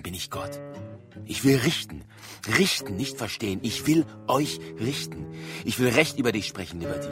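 An actor playing a self-righteous frontier officer in a radio play, speaking in an indignant, pompous, reproachful way. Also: male voice, mid-range voice, close to an everyday voice.

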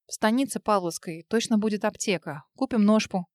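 A woman's voice: medium pitch, fairly quick, a little mellow, no echo, studio quality, lightly acted. A woman voicing a resolute friend who works at a crisis center, speaking firmly and reassuringly. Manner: firm, reassuring.

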